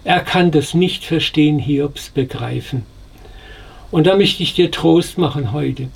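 A man's voice: a little high, measured pace, vocal fry, slightly rough. A man preaching a devotional sermon, earnest and consoling, speaking straight to the listener.

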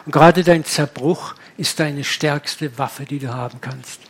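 A man preaching, telling a personal testimony in a lively storytelling manner. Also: fairly high pitch, measured pace, slight background noise. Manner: animated storytelling, acting out dialogue.

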